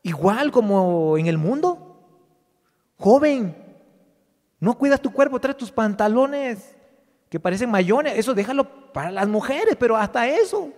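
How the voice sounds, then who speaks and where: A man's voice: very high-pitched, animated, unhurried, pauses often, darkish tone, in a large hall. A man preaching a sermon to his congregation, stressing his words and sometimes mocking the voices of his listeners. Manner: preaching with rising emphasis and mock voices. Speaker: pastor.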